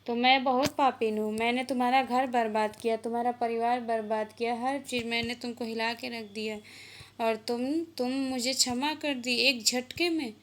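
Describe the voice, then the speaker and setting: A woman's voice: a little high, fairly even intonation, normal speed, a little hiss or hum, lightly acted. A woman retelling a remorseful woman begging forgiveness. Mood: pleading. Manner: pleading, self-reproaching.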